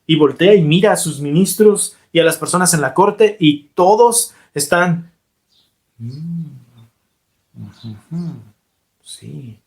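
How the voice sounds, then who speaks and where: A man preaches by retelling a story, animated and emphatic. He slows down deliberately on key points, and his voice is pitched somewhat high for a man. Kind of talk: sermon-style storytelling.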